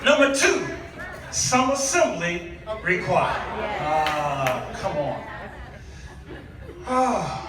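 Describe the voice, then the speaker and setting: Over a noisy crowd, a guest preacher with a voice that sits high and swings widely in pitch speaks extremely slowly, pausing often. His animated call-and-response sermon moves between conversational storytelling and emphatic exclamation. It was captured indoors at a church through a distant mic in an echoey hall with faint noise.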